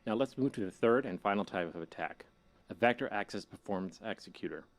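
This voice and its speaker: A low-pitched male hacker played by a man guides a newcomer through a horror video game. He speaks casually and wryly, like a scripted tutorial narrator, with an ominous edge. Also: animated, fairly quick, natural voice. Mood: instructive, casual.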